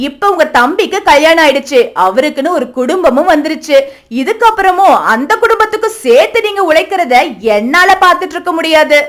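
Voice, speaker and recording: A woman voicing a scheming, sharp-tongued young wife. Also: very high-pitched, expressive, brisk. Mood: scolding. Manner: nagging, sarcastic and demanding. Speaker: elder daughter-in-law. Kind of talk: cartoon voice acting.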